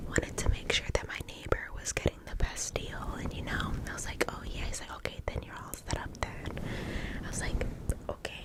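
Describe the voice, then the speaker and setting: A woman hosting ASMR, telling casual stories in a breathy, unvoiced whisper close to the mic in a chatty, rambling way. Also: poor audio. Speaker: ASMR host. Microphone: close-up mic with fluffy cover.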